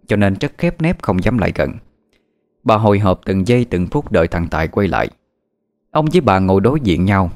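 A man narrating a horror story in a dramatic, suspenseful way. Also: sits low.

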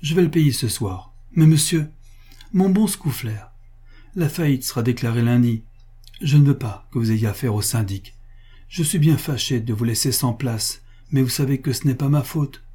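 A man's voice: medium pitch, normal speed, mellow, husky, close to an everyday voice. A man reading the part of a proud factory owner facing bankruptcy, speaking with restrained, solemn emotion. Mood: grave.

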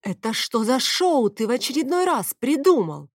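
A woman reading the part of a hot-tempered young woman who shouts and scolds sharply in an audiobook. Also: sits high, very animated, takes it slowly, no room sound, studio quality, voice pushed up, heavily acted. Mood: angry. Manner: loud scolding, sharp and exasperated. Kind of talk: audiobook character voice.

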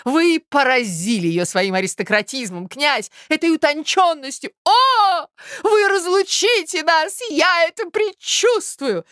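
A woman's voice: high-pitched, animated, measured pace, a bit bright, no echo, studio quality, voice pushed up. Woman doing a gushing, theatrical mother. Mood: melodramatic. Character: scheming, melodramatic provincial mother, middle-aged.

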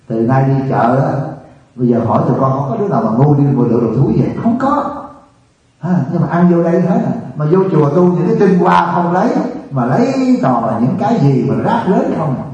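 A man's voice: fairly high pitch, warm tone. A man, a monk, preaching in a scolding, rhetorical way that keeps pressing the listeners with questions. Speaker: monk giving a dharma talk. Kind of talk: sermon. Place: large meditation hall. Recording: echoey, distant, muffled hall recording.

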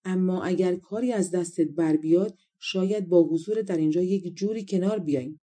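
A proud, scornful fairy queen from a storybook, as a woman narrator puts her on. She gives orders in a dark, mellow voice. Her tone stays haughty and commanding. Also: on the low side, close to an everyday voice.

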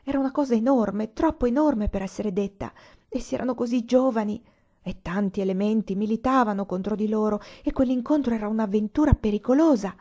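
A woman reading a novel aloud in steady, gentle narration. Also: on the high side, a little fast, highs cut off. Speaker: audiobook reader.

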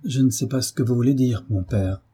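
A man's voice: medium pitch, brisk, mellow, slightly rough. A man reading aloud, voicing a resolute, indignant young son who speaks firmly. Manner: firm, resolute.

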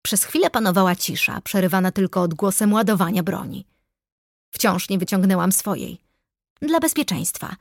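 A woman's voice: medium pitch, moderate pace, gravelly, no echo. Woman narrating an audiobook, dry studio. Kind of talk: scripted first-person audiobook narration. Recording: dry close studio sound.

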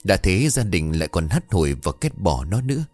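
A male storyteller reads a ghost tale with a low voice that rises and falls expressively. The sound is dry and close, with faint music playing underneath. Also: a little fast, no echo. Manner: expressive, dramatic reading.

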